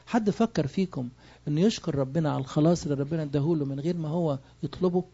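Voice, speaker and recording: A man's voice: on the high side, very fast, dark tone, husky, lo-fi sound. A man with an Egyptian Arabic accent preaching a sermon, emphatic and full of rhetorical questions. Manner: emphatic, asks rhetorical questions and answers them.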